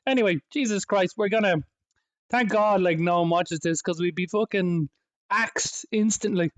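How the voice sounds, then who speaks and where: A man's voice: sits high, moderate pace, no room sound. A man co-hosting a casual gaming podcast, swearing, laughing and rambling through banter. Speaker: co-host.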